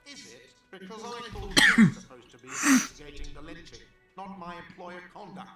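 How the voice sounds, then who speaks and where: A man's voice: sits high, expressive, a little fast, pushed and bright, very echoey, far from the mic, soft background music. A man voicing a whiny, irritable café manager who talks in a defensive, grumbling way.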